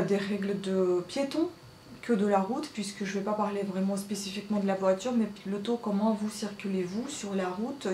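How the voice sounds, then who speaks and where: A woman teaching a casual spoken lesson, slowly repeating each word with care while she writes on a small slate. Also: medium pitch, mellow, a little hiss or hum. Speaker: Russian language teacher. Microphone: writes on a small slate while talking. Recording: echoey room, faint ambience.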